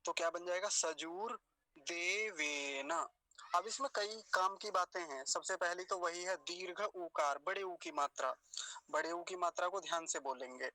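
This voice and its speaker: Male teacher, slightly high and sharp, breaks words into slow syllables and quizzes students. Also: no room sound, low-quality recording. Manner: drills words slowly, syllable by syllable. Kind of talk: pronunciation lesson.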